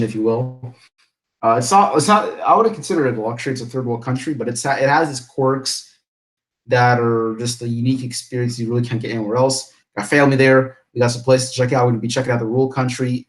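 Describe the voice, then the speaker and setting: A man's voice: mid-range voice, poor audio. Chatty young man hosting a live stream. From Bangladesh. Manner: rambling, chatty, laughs often, many restarts. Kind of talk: casual live stream chat. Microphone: computer mic, camera off.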